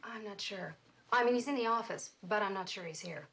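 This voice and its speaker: An actress playing a scatterbrained, chirpy receptionist in a 1970s TV crime drama. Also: female voice, mid-range voice, fairly quick, vocal fry, background noise, natural voice.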